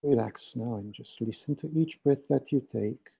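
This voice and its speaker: Hushed, mellow man guiding a meditation. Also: mid-range voice, normal speed, vocal fry, slightly rough. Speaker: meditation and live channeling leader. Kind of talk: guided meditation.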